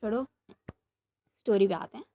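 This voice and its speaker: A woman's voice: mid-range voice, moderate pace, highs cut off. A young woman rambling animatedly from her bedroom, chatting casually and then narrating a story for her channel. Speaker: storytelling vlogger. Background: neighbour's music playing.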